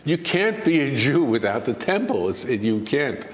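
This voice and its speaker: An older man appears as a guest expert in an interview, giving measured, argumentative answers that build to emphatic points. His medium-pitched voice has a sing-song lilt, and the sound is roomy.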